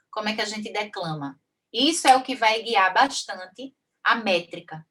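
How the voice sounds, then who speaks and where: A woman's voice: a little high, sharp tone, far from the mic. A Brazilian woman teaching a workshop on folk poetry, explaining patiently and slipping in frequent "né" tags. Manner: explains patiently, recites verses slowly and rhythmically; frequent "né" tags and small restarts. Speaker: cordel poet and workshop teacher. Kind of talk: online workshop lesson.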